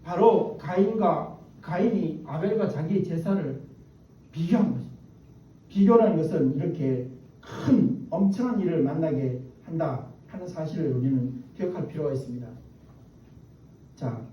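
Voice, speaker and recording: Pastor preaching in a booming echoey hall. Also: male voice, normal speed, dark tone, slight background noise. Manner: storytelling, asks the congregation questions. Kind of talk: sermon. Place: church sanctuary. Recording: echoey hall, distant dull mic.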